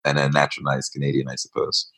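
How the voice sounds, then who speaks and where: A man in his thirties who grew up in East Africa speaks in an extremely low yet fairly bright voice, flat and monotone. He's a reflective, unhurried interview guest in a casual conversation, leaning on fillers as he recounts his story.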